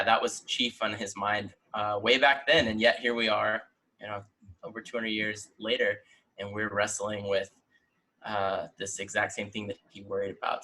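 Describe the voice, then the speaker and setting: In his twenties, this American-accented man hosts a casual discussion podcast over a video call from a room in his home. His voice is lowish and sharp in tone, and the recording sounds rough.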